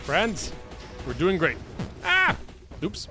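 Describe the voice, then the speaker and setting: A man giving animated live gameplay commentary as a streamer, who keeps addressing his viewers as friends. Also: high voice, takes it slowly, soft background music. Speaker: gaming streamer.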